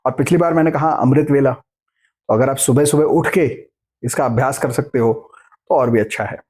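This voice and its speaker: Middle-aged male self-help speaker, measured, deliberate, repeats key phrases, mid-range voice. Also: mid-range voice, darkish tone, slightly rough. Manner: slow, deliberate spoken affirmations, repeats phrases. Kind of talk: motivational talk.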